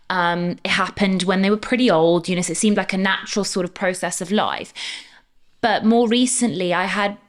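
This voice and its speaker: A woman hosting a podcast, reflective and conversational, thinking aloud as she talks. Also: mid-range voice. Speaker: podcast host.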